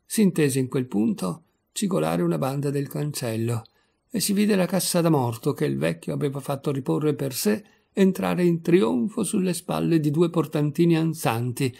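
A man reading a literary short story aloud as scripted narration, measured and expressive. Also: on the high side, gravelly, breathy edge. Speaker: audiobook reader.

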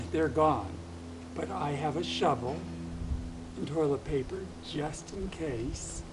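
A man's voice: fairly high pitch, slow, noisy background. A man narrating his hike outdoors, out of breath and thinking aloud as he walks. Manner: thinking aloud while hiking. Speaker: vlogger. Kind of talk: outdoor hiking vlog narration. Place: outdoors on a mountain trail.

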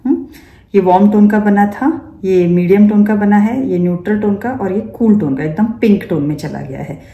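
Phone-quality sound captures a woman's mid-range voice at a moderate pace in an echoey room. She teaches a makeup class, explaining every step and frequently asking her students rhetorical questions.

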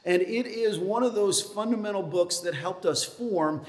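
Man, pastor, folksy joking sermon, higher voice, long church reverb. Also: normal speed. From upstate New York. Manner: folksy, joking, with many fillers. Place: church sanctuary.

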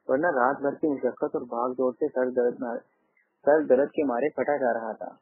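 A man reading a first-person novel aloud in a measured, steady way. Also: medium pitch, vocal fry, husky, no room sound. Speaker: audiobook narrator. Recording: tinny phone-like dry sound.

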